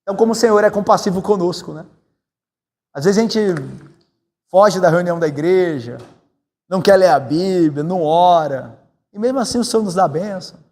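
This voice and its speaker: A man from Brazil, a pastor preaching a sermon in a conversational way, often tagging his points with quick questions to the congregation. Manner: conversational, tag questions, animated swings in pitch. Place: church sanctuary. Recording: church hall with long reverb.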